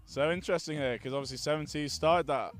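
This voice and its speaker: A young man with a Yorkshire accent doing excitable, playful live rugby co-commentary from the side of a pitch. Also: fast, soft background music.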